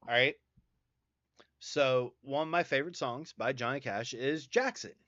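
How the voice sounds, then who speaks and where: A man's voice: medium pitch, a little slow, pushed and bright, dry recording, lo-fi sound. A man with a mountain North Carolina accent, chatting casually with viewers on a livestream and thanking them by name. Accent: Southern US, North Carolina mountains.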